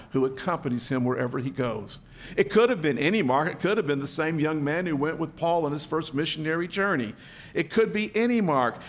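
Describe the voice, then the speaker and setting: A man preaching a sermon, telling the story vividly and acting out the quoted voices. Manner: storytelling, acting out quoted voices with big swings in pitch and loudness. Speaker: pastor.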